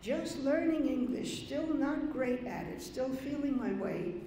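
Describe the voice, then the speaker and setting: With a high, animated, warm voice, an older woman from the Dominican Republic speaks from a conference hall podium ahead of her poetry reading. She takes her time, telling stories and adding small asides, while a gooseneck podium mic records her in a heavily echoing hall with slight background noise.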